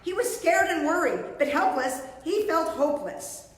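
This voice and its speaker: A middle-aged woman with a very high voice reads a picture book to young children at normal speed, theatrical and explanatory. She's indoors before a painted storybook backdrop, in a very echoey, reverberant room.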